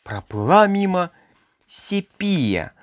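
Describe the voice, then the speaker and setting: A storyteller reading a children's tale at a slow, unhurried pace, with a voice that rises and falls a lot. The sound is close and dry, with no room around it. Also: medium pitch, dry recording. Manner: expressive reading aloud. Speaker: narrator.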